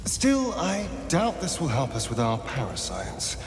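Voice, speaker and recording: Astarion, a suave and bitter vampire spawn two centuries old who was once a magistrate, speaks in a lively, theatrical male voice of mid-range pitch. He sounds musing and uneasy, arch in manner, stretching out his emphatic phrases in this dramatic video game dialogue. The recording has roomy reverb, music underneath, and a faint hiss or hum.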